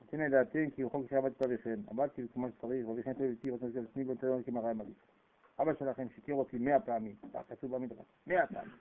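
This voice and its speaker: A man giving a storytelling sermon on Torah, animated and acting out the people in his stories. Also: mid-range voice. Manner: animated, acts out voices, rising shouts. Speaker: Torah preacher. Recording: tinny phone-like radio broadcast.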